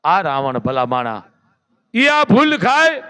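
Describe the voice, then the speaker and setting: A man telling a devotional story in an animated, dramatic, lecturing way. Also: high-pitched, slow pace, clear, resonant tone. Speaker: religious storyteller.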